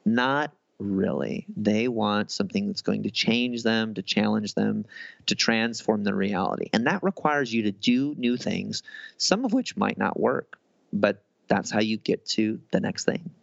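A man in his thirties talks in a loose, rambling way, often restarting his sentences and filling gaps with fillers. His low voice has a gravelly edge. The sound is dry and a little dull, with a lo-fi quality. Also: animated, a little slow, no echo. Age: 30s. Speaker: guest author. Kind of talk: casual interview conversation.

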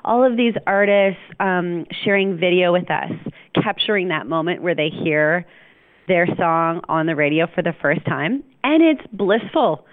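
Woman, radio program director, interview guest on a phone line. Low voice, chatty, upbeat, lots of fillers. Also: fairly even intonation, moderate pace, no room sound. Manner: enthusiastic, chatty, frequent fillers. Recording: dry, tinny phone line.

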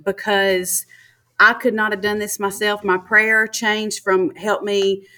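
A woman's voice: medium pitch, flat delivery, slow, bright, forceful tone, clean tone. A woman with a Southern accent from Mississippi, chatting casually as a guest in a folksy, emphatic way. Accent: Mississippi, American South. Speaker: podcast guest. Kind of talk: casual chat.

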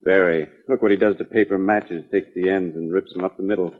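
In a tinny, narrow-band 1940s radio drama, a man plays a busy, reluctant financial advisor who is curt, matter-of-fact, guarded and businesslike. His deep voice keeps a steady tone at a fairly quick pace.

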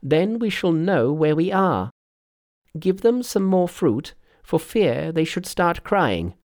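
A man voicing a bossy, cheeky trickster monkey in a storybook reading, brisk and commanding. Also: a little high, sing-song, darkish tone, pitched above the performer's own voice, exaggerated voice. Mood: scheming.

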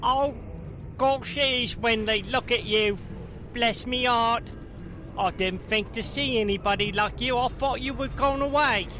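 A man's voice: very high voice, measured pace, pushed and bright, pitched above the performer's own voice, heavily acted. A man voicing a small, cheery gnome cousin in a little pixie-like voice, with folksy, teasing dialect. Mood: amazed delight.

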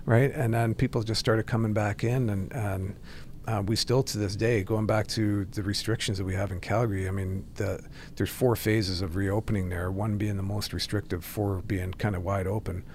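A man's voice: lowish voice, steady tone, normal speed, darkish tone, a little hiss or hum. A man chatting as a guest, explaining things in an easygoing way. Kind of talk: casual chat.

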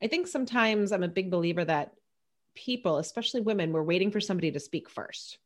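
A woman's voice: on the low side, animated, fast. Enthusiastic woman podcast host. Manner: enthusiastic, chatty, casually profane. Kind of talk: casual interview chat.

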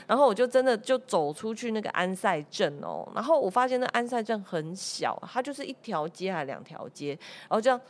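A woman from Taiwan with a Taiwanese Mandarin accent, a podcast guest telling a travel story casually, lively and often laughing. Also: medium pitch, a little fast, hardly any pauses. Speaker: podcast guest, performing artist.

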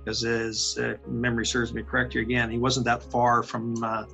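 A man, a police officer, answering interview questions in a halting way, full of hesitations. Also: mid-range voice, monotone, vocal fry, bright, forceful tone, faint music behind, low-quality recording.

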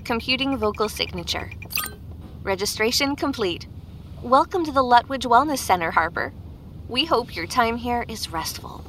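A woman voicing a gentle, polite female wellness AI assistant that speaks in a formal, measured, courteous way. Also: a little high, expressive, a little hiss or hum. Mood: calm, courteous.

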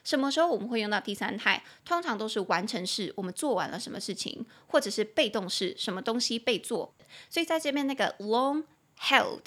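A young woman with a Taiwanese Mandarin accent teaches English on a podcast. Her voice sits a little high, and she talks in a chatty, lively way. She spells words out letter by letter and slows down to repeat key words. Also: husky. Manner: chatty, lively explanations with playful acted examples.

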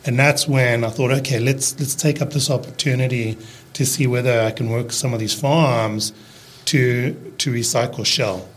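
There's a little hiss or hum under this medium-pitched voice: a landscaping business owner in his fifties, guesting on a podcast. His South African accent is drifting toward American, and he speaks in a relaxed, halting way with frequent restarts and fillers during the casual interview.

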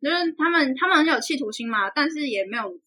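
A woman's voice: high voice, animated, quick pace, pushed and bright. A young woman, a tattoo artist chatting as a podcast guest, hesitant with many fillers. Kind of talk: casual chat.

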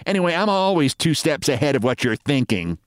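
A man voicing a sharp-tongued middle-aged wife who scolds and mocks her husband. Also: fairly high pitch, big pitch swings, brisk, no echo, studio quality, voice pushed up. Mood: scornful. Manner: scolding, sarcastic.

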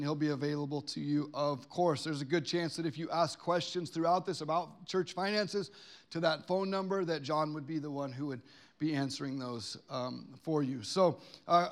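A male pastor giving church announcements to a congregation in a chatty, informal way, with quick asides. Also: on the high side. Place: church service before a live congregation.

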